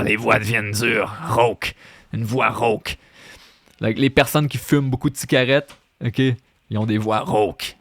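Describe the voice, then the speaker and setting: A man with a Québécois French accent talks through his rap lyrics in a slow, deliberate lesson. He repeats phrases and switches into English to explain them, at a middle pitch, in a dry recording with no room sound. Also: fairly bright tone, dry recording. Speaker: French teacher and rapper.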